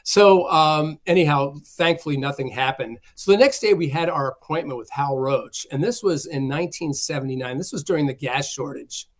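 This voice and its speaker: A man's voice: fairly high pitch, normal speed, hardly any pauses. Older man telling rambling film stories. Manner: rambling storyteller who acts out quoted dialogue. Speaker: guest, film collector. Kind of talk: casual anecdotal interview.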